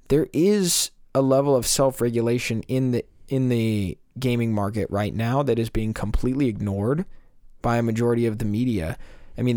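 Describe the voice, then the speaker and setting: A man's voice: medium pitch, darkish tone, no room sound, clean studio sound. A young man co-hosting a podcast, talking casually with many fillers as he argues a point. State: voice still recovering from losing it. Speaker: podcast co-host. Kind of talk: casual discussion.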